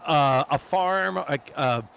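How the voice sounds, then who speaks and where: A man's voice: on the high side, slow, gravelly, fairly bright tone, clean tone. A man hosting a casual podcast interview outdoors. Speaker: podcast host. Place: outdoors at a market.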